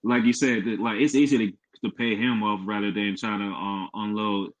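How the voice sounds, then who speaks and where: Low-voiced man in laid-back sports chat. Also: steady tone, moderate pace. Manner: laid-back, repeats phrases. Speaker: podcast co-host. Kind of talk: casual sports talk. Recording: muffled lo-fi podcast audio.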